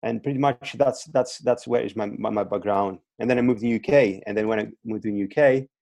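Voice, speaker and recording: On a relaxed podcast, a Cretan strength and conditioning coach in his thirties talks in Greek-accented English, his second language, hesitating with fillers and repeated words. The voice sits lowish, creaky and darkish, and he speaks briskly. The recording is dry.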